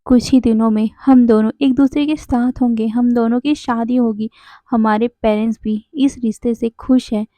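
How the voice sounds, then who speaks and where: A woman voicing a tender, grateful young man speaking to his beloved, in a soft reading voice. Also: fairly high pitch, fairly even intonation, normal speed, no room sound, lightly acted.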